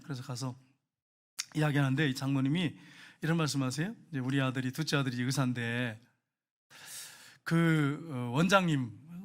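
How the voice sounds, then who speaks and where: A male pastor preaching a sermon, swinging between emphatic rising appeals and quiet storytelling, speaking straight to the congregation. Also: fairly high pitch. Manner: addresses the congregation directly, repeating points.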